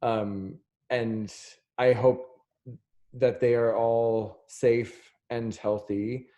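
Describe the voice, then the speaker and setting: Slow-spoken man hosting a talkback. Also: mid-range voice, little pitch movement, dull audio. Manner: unhurried, warm thanks with many fillers. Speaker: moderator of an artist talkback. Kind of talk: closing remarks in a video chat.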